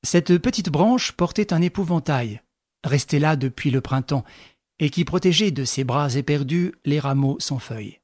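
A man narrating an audiobook in a measured, even storytelling manner. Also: a little high, dry recording. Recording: dry close recording with faint music.

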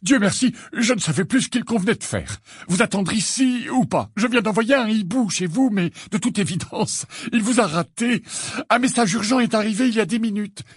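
A man's voice: high voice, animated, normal speed, breathy edge, no echo, studio quality, pitched above the performer's own voice. A man voicing a timid, breathless elderly wizard clerk in an audiobook. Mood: flustered. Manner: breathless, flustered.

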